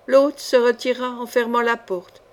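A woman reading a classic novel aloud as an audiobook, in a measured storytelling manner. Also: a little high, flat delivery. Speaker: audiobook reader.

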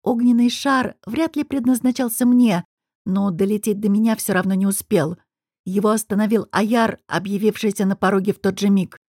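A woman narrating a first-person fantasy audiobook in an even, expressive storytelling manner. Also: medium pitch, normal speed, slightly rough, no echo, studio quality.

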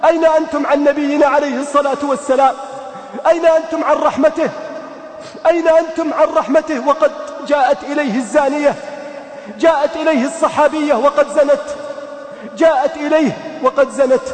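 A man's voice: extremely high pitch, steady tone, a little fast. A man preaching an impassioned sermon, telling a story in the first person and pleading with rhetorical questions. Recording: echoey hall with long reverb.

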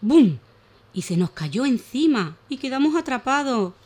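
A woman's voice: high-pitched, very animated, moderate pace, darkish tone, voice pushed up. A little bird and rabbit from a children's tale explain how a fallen branch trapped them, read by a woman in her own voice. The delivery stays close to plain storytelling. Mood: distressed.

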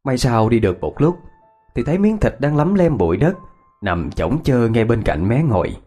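A man's voice: mid-range voice, big pitch swings, normal speed, warm tone, soft background music. A man narrating a ghost story in a reminiscing storyteller's cadence.

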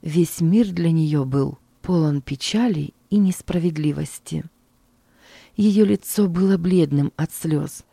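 A woman narrating an audiobook in a measured storytelling manner, close to the mic. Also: sits low, vocal fry, dark tone, breathy edge, no room sound. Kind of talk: scripted narration.

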